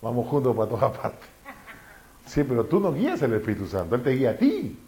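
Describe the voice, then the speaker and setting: A man's voice: medium pitch, brisk. A man preaching a sermon, often asking the congregation questions. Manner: animated, asks the congregation questions.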